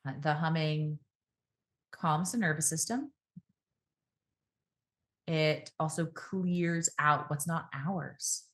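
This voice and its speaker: A woman appears as a podcast guest and speaking coach, calm and reflective. She slows down and changes her pace and pitch to demonstrate how a voice can be used.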